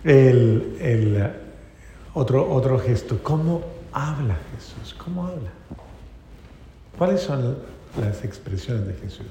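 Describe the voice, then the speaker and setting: A man preaching a sermon to a congregation, asking rhetorical questions and often softening to a gentle, tender tone. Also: medium pitch, animated, slow pace, muffled recording, slight background noise. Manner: rhetorical questions, drops to soft tender tones. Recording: echoey hall with faint ambience.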